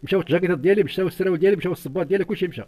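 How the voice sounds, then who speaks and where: Older Moroccan man interviewee, rapid pleading delivery, high-pitched voice, repeats himself. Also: dark tone. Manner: urgent, repetitive, pleading. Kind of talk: distressed eyewitness account.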